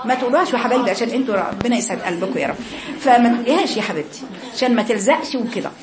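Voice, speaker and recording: Woman with an egyptian accent teaching girls recitation, talks fast, sounds out each vowel. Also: on the high side, animated, roomy sound, a crowd in the background. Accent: Egyptian Arabic. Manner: demonstrates sounds, speaks to girls. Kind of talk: recitation lesson.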